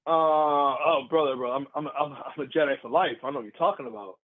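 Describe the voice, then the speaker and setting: A man, a professional wrestler, telling stories in a casual interview, lively and laughing as he acts out the crowd's voices. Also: medium pitch, fairly quick, narrow, tinny audio. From Puerto Rican heritage.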